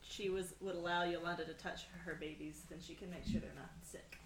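A woman's voice: on the low side, steady tone, brisk. A woman chatting casually as a player in a tabletop game. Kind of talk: casual chat. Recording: roomy sound with faint noise.

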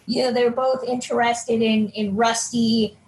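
High-voiced woman in an echoey room. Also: little pitch movement, a little slow, a little mellow. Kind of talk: casual film discussion.

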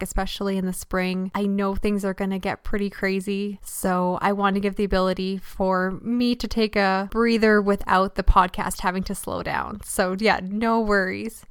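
A woman's voice: medium pitch, clear, resonant tone, no room sound, studio quality. A woman co-hosting a book podcast in casual, upbeat chat, laughing often. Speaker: departing podcast co-host.

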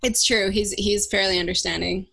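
A woman's voice: medium pitch, steady tone, normal speed, gravelly, sharp tone, husky. A woman chatting casually as the host of a podcast. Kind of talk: casual chat.

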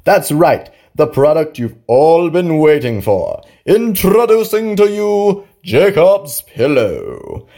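A man playing an earnest salesman in a scripted parody infomercial, giving a grandiose pitch for an absurd product. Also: a little mellow, full character voice. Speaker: advertisement announcer.

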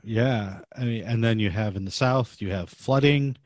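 A man's voice: lowish voice, moderate pace, dry recording. A man hosting a podcast in casual conversational talk. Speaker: podcast host.

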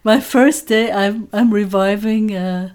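A woman's voice: mid-range voice, slow pace, darkish tone, clean tone. A woman co-hosting a podcast, a writer chatting casually, rambling and restarting her sentences and laughing often. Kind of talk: casual chat.

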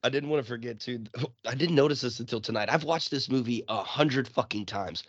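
A man's voice: medium pitch, brisk, no echo, muffled recording. A man with a cold, chatting casually about a movie on a podcast, swearing often and laughing as he acts out scenes. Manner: swears a lot, laughs while acting out scenes. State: sick. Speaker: podcast co-host.

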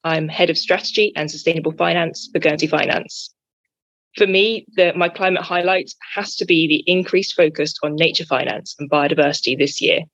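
A woman's voice: deep voice, normal speed, fairly bright tone, no room sound. A woman hosting a podcast in a conversational way. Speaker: podcast host, finance strategy head. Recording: dry, slightly dull audio.

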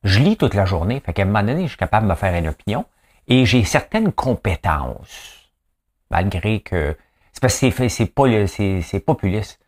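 Quebec french guy rambling to his camera, low voice that jumps around a lot, cracking jokes. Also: very animated, normal speed. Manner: rambling, joking, self-mocking. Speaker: vlogger. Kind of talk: casual solo commentary to camera. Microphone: camera mic.

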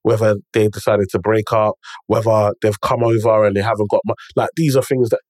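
A man's voice: on the low side, little pitch movement, brisk, darkish tone, no room sound, clean studio sound. A man with an urban London roadman accent tells stories and gives motivational advice in an emphatic, conversational way, repeating phrases and checking in with the listener. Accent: London, urban multicultural slang.

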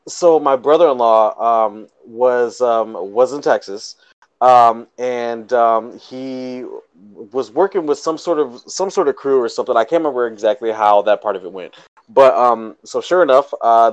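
A man's voice: mid-range voice, moderate pace, clear, resonant tone, no room sound, rough recording. A man co-hosting a casual chat, rambling through a story with many ums, restarts and frequent laughs. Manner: laughs often. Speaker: podcast co-host.

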